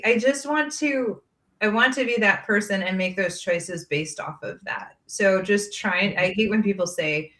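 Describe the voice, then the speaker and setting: A woman's voice: mid-range voice, fairly bright tone. A woman hosting a casual podcast conversation, upbeat and rambling, laughing easily as she talks about running her grooming business. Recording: echoey room.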